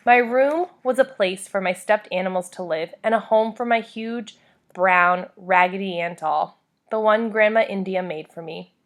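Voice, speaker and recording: Casting: female narrator for memoir read-aloud, mid-pitched voice, deliberate phrasing, short measured groups. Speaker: audiobook-style reader of a memoir.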